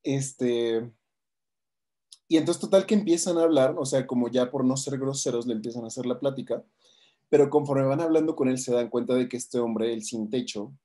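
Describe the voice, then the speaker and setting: Mexican male coach, mellow mid-pitched voice, loose rambling book retelling. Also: moderate pace. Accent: Mexican Spanish. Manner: rambling, tags lines with "¿no?".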